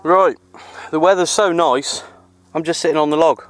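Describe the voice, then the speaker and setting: A slightly high male voice with fairly even intonation speaks at a normal pace in a dry recording. He's an amateur radio operator and vlogger chatting casually with mate-style slang on a hill, with clear outdoor noise around him.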